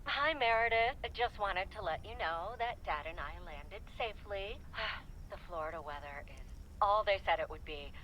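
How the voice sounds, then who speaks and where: A woman's voice: mid-range voice, expressive, moderate pace, pushed and bright, dull audio, slight background noise. An actress playing a chatty, fussing mother leaving a phone message in a story game. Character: cheerful older mother leaving a voicemail.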